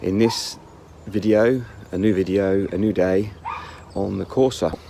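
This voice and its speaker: Low gravelly man narrating car repair. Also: fairly even intonation, measured pace, noisy background. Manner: rambling, plain-spoken, self-correcting. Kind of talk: casual workshop commentary. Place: outdoors in a yard.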